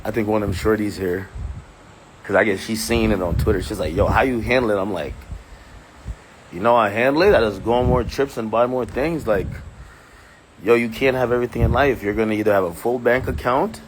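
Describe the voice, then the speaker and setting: A man's voice: lowish voice, fairly quick. A man chatting casually outdoors, rambling loosely with lots of fillers and laughs. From Jamaican. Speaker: streamer host. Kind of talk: casual vlog chat. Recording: loud outdoor noise.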